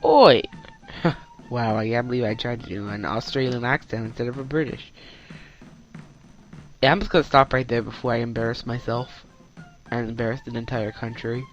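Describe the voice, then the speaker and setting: A man's voice: medium pitch, steady tone, a little fast, fairly bright tone, lo-fi sound, soft background music. A man hosting a let's play, giving casual, wry, self-deprecating commentary on a game.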